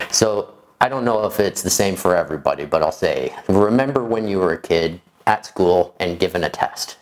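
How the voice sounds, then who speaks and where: A man in his forties speaking in a measured, explanatory way to camera, as a video creator, in a room indoors. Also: low voice, creaky. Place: small furnished room indoors.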